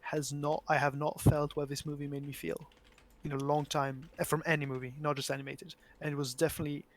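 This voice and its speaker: A young man in casual podcast chat who talks quickly and piles up points as he rambles. His pitch sits a little high but barely moves, which gives him a flat, level sound even when he stresses a word. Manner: rapid, rambling, emphatic. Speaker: podcast guest.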